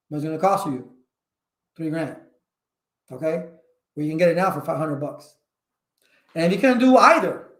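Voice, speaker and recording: A man hosting a casual livestream talk, energetic and rambling, with many fillers and restarts. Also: sits high, roomy sound. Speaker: channel host.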